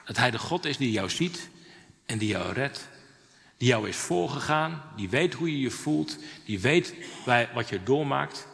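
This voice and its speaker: A male preacher telling a story from the pulpit, swinging between animated rises and quieter moments. His voice is bright and forward, and it rings out with a long hall reverb. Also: mid-range voice, unhurried, creaky. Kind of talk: sermon.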